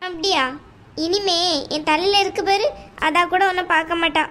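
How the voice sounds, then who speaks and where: A woman's voice: very high voice, steady tone, a bit bright, a little hiss or hum. A woman voicing a scheming, domineering middle-aged mother-in-law who talks in a scornful, taunting way in an amateur audio drama. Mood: scornful, bossy. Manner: scornful, bossy, drawn-out taunting.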